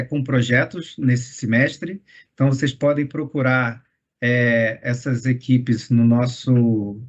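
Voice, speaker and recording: A man of mid pitch hosts a video meeting, rambling through explanations with frequent filler pauses. The audio is muffled and narrow, typical of a call. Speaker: meeting host explaining the program. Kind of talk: online meeting talk.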